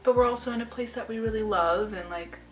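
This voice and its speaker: A woman's voice: a little high, fast. A woman in her twenties talking casually to camera as a vlogger, informal, rambling and confiding. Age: 20s. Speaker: lifestyle vlogger. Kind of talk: casual chit-chat to camera. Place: indoor room at home. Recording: roomy echo with music behind. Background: music.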